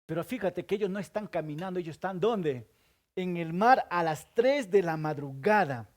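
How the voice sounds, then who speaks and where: In an expressive sermon at a moderate pace, this male pastor poses questions to the congregation and then answers them. His delivery shifts from forceful emphasis to hushed asides.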